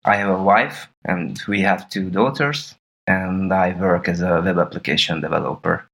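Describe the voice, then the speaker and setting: A man in his thirties from Serbia, a podcast guest talking through his background in a slow, measured way with small laughs. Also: low-pitched, creaky, a bit bright, poor audio. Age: 30s. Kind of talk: podcast interview.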